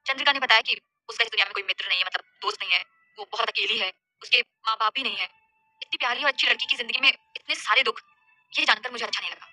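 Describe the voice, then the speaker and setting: A woman's voice: fairly high pitch, quick pace, bright, forceful tone, no room sound. A woman voicing an impulsive lovestruck young man who stammers and pleads. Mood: tender.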